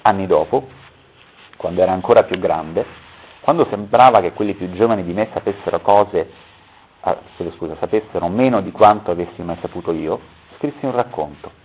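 A man with a husky, low voice reads a story aloud at a public talk. He keeps a steady pace and stops now and then to correct his own slips. The recording is thin and tinny, as if heard over a phone line. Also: brisk.

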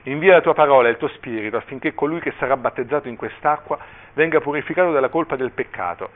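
Un uomo che legge le battute di un vescovo brillo e confuso, con tono solenne e incerto. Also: male voice, medium pitch, fast talker, close to an everyday voice. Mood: solemn. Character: tipsy, muddled middle-aged male bishop. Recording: tinny phone-like line.

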